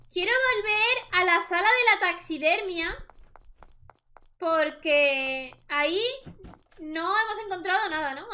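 Hosting a let's play, a young woman speaking with a Spain Spanish accent chats through the gameplay, reacting loudly to the screen and addressing her audience. She has a very high voice with a bright, forceful tone.

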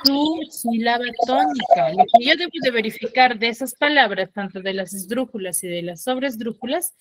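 Brief: schoolteacher on a video call, bright raised voice, dry close sound, keeps quizzing. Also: female voice, a little high, dry recording. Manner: drills students with repeated questions. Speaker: teacher. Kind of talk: online class teaching.

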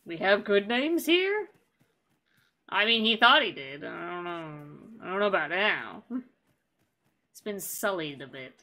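A woman's voice: lowish voice, lively intonation, moderate pace, pushed and bright. A woman streaming a video game, chatting casually with sarcastic, jokey asides. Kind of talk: casual gameplay chat.

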